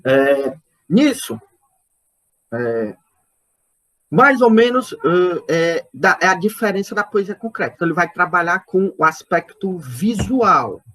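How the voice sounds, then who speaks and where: A male literature lecturer from Brazil speaks on an online poetry lesson, his voice sitting a little high. He works through his points slowly, repeating words and stopping to check in with his listeners. At times he counts out syllables and stresses aloud. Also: big pitch swings, sharp tone. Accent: Brazilian Portuguese.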